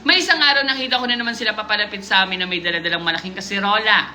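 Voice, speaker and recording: Bright-voiced woman reading stories on a live stream. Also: mid-range voice, very fast, a little hiss or hum. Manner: reads a submitted story aloud, breaking off to laugh and joke. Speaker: livestream host reading viewer stories. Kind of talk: casual live-stream storytelling with commentary.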